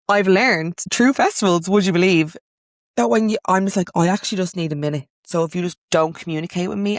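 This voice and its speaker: A young Irish woman hosting a casual podcast, telling stories in a chatty way with quick asides and animated outbursts. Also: sits low, no room sound, clean studio sound. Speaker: podcast host. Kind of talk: casual chat.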